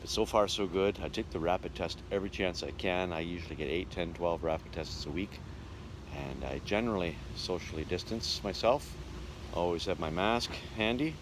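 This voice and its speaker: Out in the open and inside a vehicle, with plenty of ambient noise, a touring musician narrates his casual vlog in a deep voice at a moderate pace. He has a folksy, wry way of putting things.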